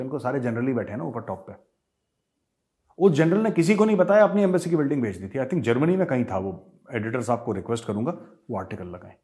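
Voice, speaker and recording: Middle-aged male host, mid-range voice, forceful and opinionated, mixing in English lines. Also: medium pitch. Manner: emphatic, mixes English phrases into Hindi. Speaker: show host and commentator. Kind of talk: opinionated commentary.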